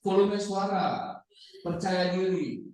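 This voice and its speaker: A man teaching a class, lively and joking as he calls on students by name. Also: sits high, slow pace. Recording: echoey classroom from far off.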